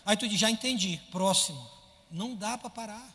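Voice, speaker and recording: A man preaching a sermon as pastor, animated, firing rhetorical questions at his congregation and acting out his listeners' complaints. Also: sits high, normal speed, big-room sound, a little hiss or hum.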